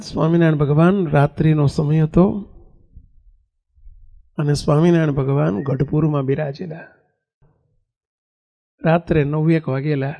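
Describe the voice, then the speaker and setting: Male preacher with a high voice, animated storyteller who voices his characters, recorded in a reverberant hall. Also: gravelly. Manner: animated, acts out dialogue with raised pitch; chants a hymn verse slowly. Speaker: preacher telling a religious story. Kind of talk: devotional sermon storytelling.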